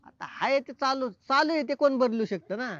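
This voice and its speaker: A man's voice: extremely high pitch, moderate pace, fairly bright tone, no echo, lo-fi sound. A man in a rural comedy sketch who plays an easygoing sidekick, giving short agreeing replies. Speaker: comic actor.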